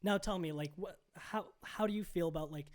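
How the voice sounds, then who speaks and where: A young man co-hosting a podcast, telling a story in casual chat, animated and full of "like" and "bro". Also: high-pitched, brisk. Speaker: podcast co-host.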